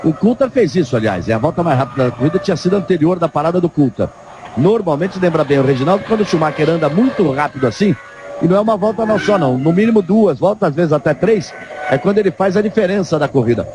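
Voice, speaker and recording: A man's voice: on the high side, animated, fast talker. Brazilian man commentating motorsport over engine noise. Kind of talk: live television race commentary.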